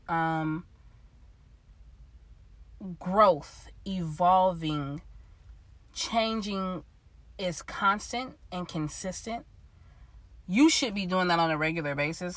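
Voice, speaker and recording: Solo in her car, a young podcast host chats casually and slangily in a fairly low, somewhat bright voice. A lost voice has left her sounding slightly congested.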